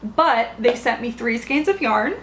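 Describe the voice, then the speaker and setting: Woman, podcast host, unhurried rambling chat, slightly high, echoey room. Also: a bit bright. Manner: chatty, rambling, many fillers and restarts. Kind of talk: casual chat showing yarn haul. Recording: echoey room, faint background noise.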